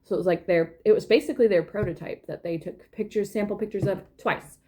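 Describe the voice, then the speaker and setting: A woman's voice: medium pitch, fairly even intonation, fast, warm tone. A young woman chatting casually at home while knitting, rambling with lots of fillers. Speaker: knitting vlogger. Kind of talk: casual chat.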